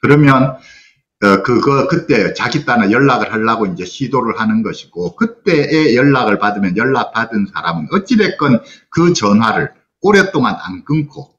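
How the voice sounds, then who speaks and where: A man's voice: mid-range voice, expressive, normal speed, fairly bright tone, muffled recording. A man in his sixties, a psychologist, giving an earnest, explanatory online lecture to parents. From South Korea. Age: 60s. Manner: earnest, explanatory, quotes parents' words aloud. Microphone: lo-fi video call audio.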